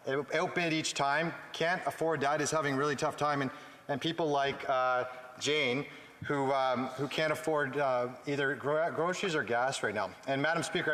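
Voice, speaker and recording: A man's voice: mid-range voice, fairly bright tone. A man with a Canadian English accent giving an earnest parliamentary speech as a member of parliament, stressing points in short phrases. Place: large indoor legislative chamber. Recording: echoey chamber with long reverb.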